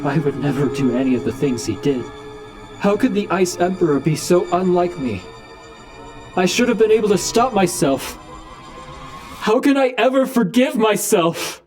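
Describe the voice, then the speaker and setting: A man's voice: high-pitched, lively intonation, normal speed, darkish tone, soft background music. A man voicing a troubled android ninja who speaks formally and precisely, in a fan-made audiobook.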